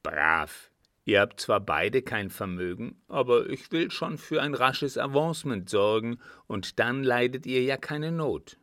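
A man reading an audiobook voices a gruff old field marshal who bursts out loudly with blunt oaths. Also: mid-range voice, animated, unhurried, dry recording, studio quality. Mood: indignant. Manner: loud blunt outbursts and oaths.

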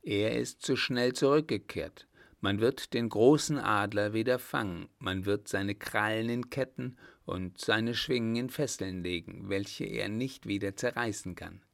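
A pale, wounded young wife speaks in a soft, quiet, tender way, as a man puts her on. The voice stays low and unhurried. It sounds like a storybook reading. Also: creaky, dry recording, clean studio sound. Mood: quietly defiant.

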